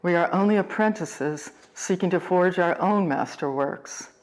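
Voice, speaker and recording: A woman poet hosting a video series, giving a measured, deliberate scripted lesson on poetic form. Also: on the low side, a little mellow. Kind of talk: scripted lecture on poetry.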